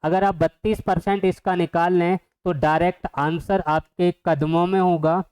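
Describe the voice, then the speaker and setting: A man's voice: high voice, steady tone, moderate pace, darkish tone, clear, resonant tone, low-quality recording. A man teaching an exam-prep math lesson, who keeps asking the viewers questions and then answers them himself.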